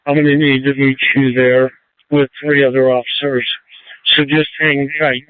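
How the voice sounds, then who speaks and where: In a tinny, dry two-way radio transmission, a security post officer sends clipped, matter-of-fact dispatch reports. His medium-pitched voice is smooth and flat at a moderate pace, with no room sound.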